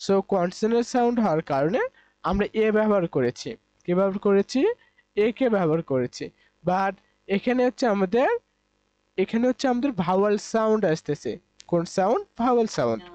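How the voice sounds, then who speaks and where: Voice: medium pitch, darkish tone, dry recording. Teacher from bangladesh doing exam prep, keeps repeating stuff, muffled dry audio. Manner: repetitive, asks and answers own questions. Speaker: English teacher. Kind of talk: exam-prep lesson in Bengali. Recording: dull, dry voice-over recording.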